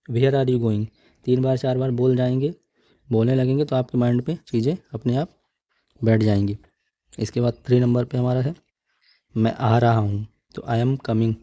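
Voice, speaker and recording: A male English teacher giving a spoken lesson, slowly repeating phrases for practice in an encouraging tone. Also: medium pitch, mellow, dry recording, muffled recording. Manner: encouraging, coaxing tone.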